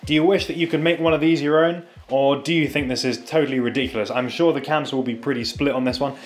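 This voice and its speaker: A man's voice: mid-range voice, steady tone, fast. A man chatting upbeat and casual as he reviews a product straight to his viewers. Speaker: fashion reviewer.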